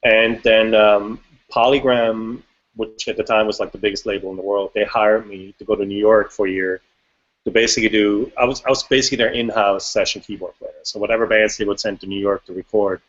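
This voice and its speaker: Man from Switzerland, low voice, relaxed rambling talk, dull lo-fi sound. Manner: relaxed, rambling, frequent restarts and fillers. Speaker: guest music producer. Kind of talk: casual podcast interview. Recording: dull lo-fi audio.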